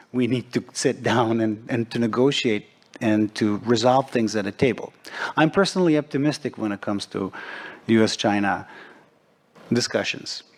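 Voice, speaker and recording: A middle-aged man from Serbia speaking as a forum panelist, measured and deliberate, with frequent pauses. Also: medium pitch. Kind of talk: panel discussion remarks.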